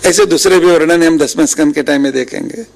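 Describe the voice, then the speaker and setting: This devotional talk comes from a religious storyteller, a man with an Indian accent whose voice sits on the high side and sounds gravelly. The audio is poor. Taking his time, he recounts stories from scripture and voices their dialogue in quotes.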